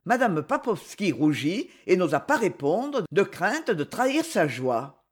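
A man narrating a classic novel as an audiobook, with expressive storytelling. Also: sits high, measured pace, breathy edge.

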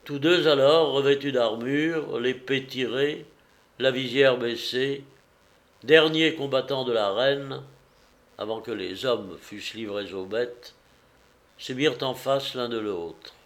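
A man reading a historical novel aloud in a measured storytelling manner. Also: mid-range voice. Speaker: narrator.

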